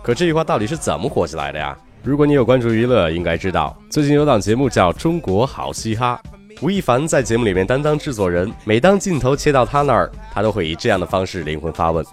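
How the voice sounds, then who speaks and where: Lively low-voiced man teaching English pronunciation. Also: soft background music. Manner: lively, slow careful demonstration of words. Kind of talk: podcast pronunciation lesson.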